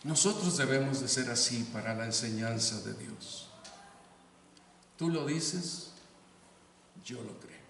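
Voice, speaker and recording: A man's voice: mid-range voice, animated, takes it slowly, long pauses, fairly bright tone, slight background noise. An older man, a grandfather, preaching an earnest sermon, telling stories and making emphatic calls to his congregation. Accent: Mexican Spanish. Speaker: pastor. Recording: echoey hall from far off.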